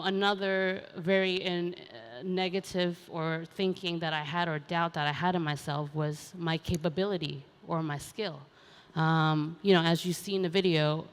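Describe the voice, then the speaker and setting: A woman's voice: fairly low pitch, clear, resonant tone. Woman speaking in a reverberant hall. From Hong Kong. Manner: casual, many fillers like um and you know. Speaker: panel speaker, racing driver. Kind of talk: conference panel talk. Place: large conference hall.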